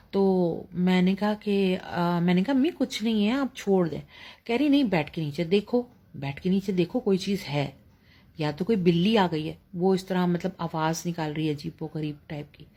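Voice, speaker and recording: A woman's voice: fairly low pitch, mellow. A middle-aged woman with a Pakistani Urdu accent telling a personal ghost story casually, with many fillers, acting out her mother's words.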